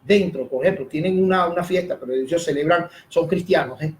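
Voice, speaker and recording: A pastor preaches a sermon in a high voice. He talks emphatically, lifting his voice and then dropping it low. The sound carries the echo of a church room, with a faint hum of noise behind it. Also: a little fast. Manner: emphatic preaching with rising and dropping voice, frequent "amén".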